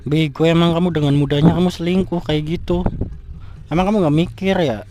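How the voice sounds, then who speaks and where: A man's voice: a little high, fairly even intonation, a little fast, very noisy, close to an everyday voice. A man playing a furious jilted young fiancé. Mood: angry. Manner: angry scolding, cursing. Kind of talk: scripted street drama.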